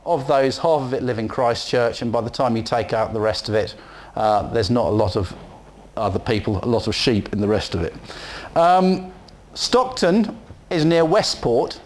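Speaking at a moderate pace with a medium-pitched, expressive voice, this West Country man from England rambles through a conference presentation in a hall. He keeps it chatty, dropping in frequent ums and side remarks.

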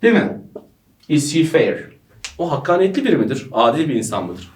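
A man with a fairly high voice and big pitch swings teaches English to a group of friends at a brisk pace. He jokes and teases throughout the playful lesson, and a distant mic picks up an echoey room.

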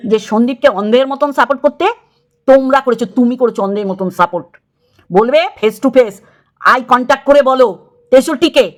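A middle-aged woman, scolding another creator in an angry video rant, repeating her points. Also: sits high. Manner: scolding, confrontational, repeats phrases. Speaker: YouTube creator.

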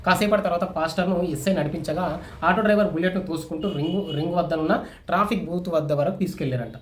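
A man's voice: a little high, fast. A man giving casual, opinionated spoken news commentary, with many restarts and fillers. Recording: echoey room with faint ambient noise.

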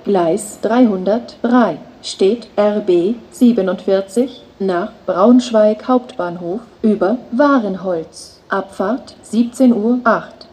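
Woman, flat platform announcement, slow segmented phrasing, soft-edged tone, medium pitch. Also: slight background noise. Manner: flat, measured, segmented delivery. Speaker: station announcer.

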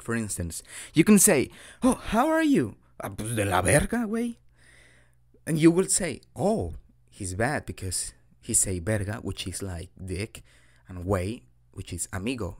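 Speaking on the low side, very animated and a little slow, a young man from Mexico with a Mexican accent improvises a dorky, hesitant boyfriend roleplay giving a casual Spanish lesson. A native Spanish speaker, he giggles and puts himself down throughout.

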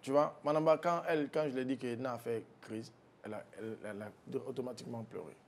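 A man tells a painful family story to an interviewer. He speaks softly and haltingly, often restarting his sentences. His voice drops low in the heaviest parts, and a faint rumble sits under the recording. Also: fairly even intonation. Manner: soft-spoken, halting with restarts, low when recalling grief. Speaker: guest.

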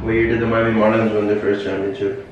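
A young man asking quiz questions casually and haltingly in a tiled bathroom. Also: lowish voice, flat delivery, muffled recording, background noise. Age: young adult. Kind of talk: casual quiz, hesitant delivery. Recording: very echoey bathroom, distant mic, music.

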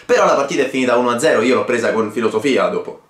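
A man's voice: mid-range voice, expressive, rapid-fire, a bit bright, slight background noise. A young man casually narrating his vlog to camera as a football commentator. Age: young adult. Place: small indoor room. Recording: roomy, echoing indoor sound.

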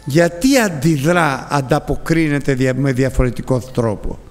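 Man, preacher, sermon, dramatic storytelling, swings in pitch and volume, middle pitch, long hall reverb. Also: lively intonation.

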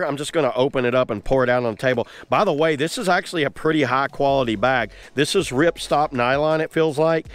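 An enthusiastic man talks through a gadget demo, filming it himself outdoors. His voice sits a little on the high side, and he keeps things chatty and loose. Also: clear, resonant tone. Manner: enthusiastic, chatty, lots of "like" fillers. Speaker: product reviewer. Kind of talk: casual hands-on product demo. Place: outdoors on grass.

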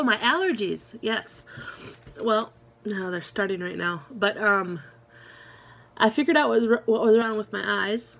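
A vlogger chats casually to camera in a medium-pitched voice that's creaky and a bit bright. Friendly and encouraging, she rambles with lots of fillers and restarts.

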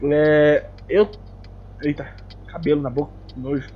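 A young man from Paraná, Brazil, chatting casually over a game, excitable and joking, with a lot of swearing. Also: on the high side, measured pace, breathy edge. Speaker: gaming YouTuber. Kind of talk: casual gameplay chat. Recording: dull lo-fi recording.

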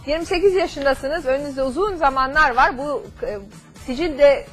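A woman's voice: high voice, normal speed, a bit bright, soft background music. A middle-aged woman hosting a live call-in advice show, explaining things conversationally with a courteous, customer service manner. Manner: explanatory, with everyday examples and lists. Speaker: TV host giving financial advice to callers. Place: TV studio at a desk. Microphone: lapel mic.

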